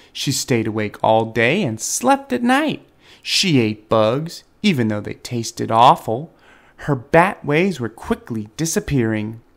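A man reading a children's picture book aloud in a gentle, expressive storytelling manner. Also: mid-range voice, vocal fry. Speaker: storybook reader, dad.

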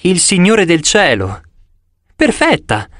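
A man's voice: high-pitched, wildly swooping pitch, slow, fairly bright tone, no echo, clean studio sound, voice pushed up, heavily acted. Man doing a cocky, playful sun god. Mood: breezy. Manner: breezy, playful, teasing. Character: boastful carefree male sun god.

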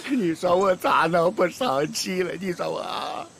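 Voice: medium pitch, expressive, unhurried, creaky, a bit bright, slight background noise. A scolding old grandmother. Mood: complaining. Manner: grumbling, scolding, many exasperated sighs. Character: feisty loud old grandmother, scolding and stubborn. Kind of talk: TV drama acting.

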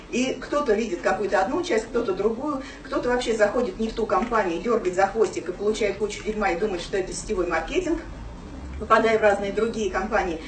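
Woman in her 30s telling her story to a room, quick and lively, echoey distant sound. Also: medium pitch, a little hiss or hum. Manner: chatty, storytelling with many fillers. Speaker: speaker at a business meeting. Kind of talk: personal story talk to an audience. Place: small office room. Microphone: far camera, no mic. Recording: roomy, distant camera sound.

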